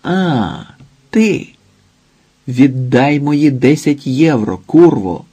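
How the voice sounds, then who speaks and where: A man's voice: mid-range voice, big pitch swings, slow pace, warm tone, husky, exaggerated voice. A man voicing a sleepy, grumpy young man who brushes others off, in an audiobook. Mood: rude. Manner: grumbling, dismissive.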